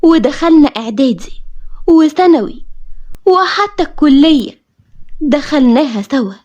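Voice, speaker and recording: High-voiced Egyptian woman storyteller. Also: expressive, unhurried, darkish tone. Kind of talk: dramatic first-person story narration. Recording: dull lo-fi audio.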